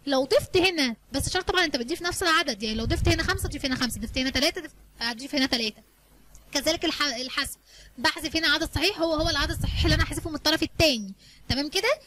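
Fast-talking Egyptian woman math teacher. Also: sits high, pushed and bright, a little hiss or hum. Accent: Egyptian Arabic. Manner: asks the class questions and answers them herself; colloquial, coaxing teacher talk. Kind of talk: explaining a lesson to students.

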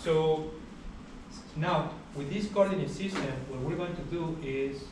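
A young man giving a university lecture in a large hall, explaining steadily with many pauses and uh fillers. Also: a little high. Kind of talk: classroom lecture. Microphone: far camera at the back of the room. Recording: echoey hall recorded from far off, background hiss.

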